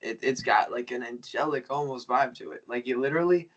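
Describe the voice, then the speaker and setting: A man's voice: mid-range voice, fairly quick, lo-fi sound. A man hosting a casual conversation, talking in a loose, slangy way and often searching for words.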